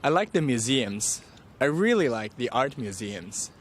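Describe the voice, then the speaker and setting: A polite tourist with short answers. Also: male voice, mid-range voice, very animated, measured pace, slight background noise. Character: polite man tourist who likes art museums. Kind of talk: scripted English lesson dialogue. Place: outdoors in a city.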